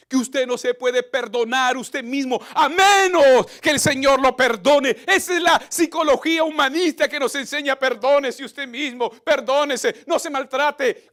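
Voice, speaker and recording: A man preaching a sermon with passion, repeating phrases for emphasis, swinging between shouting and whispering. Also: very high-pitched. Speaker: pastor.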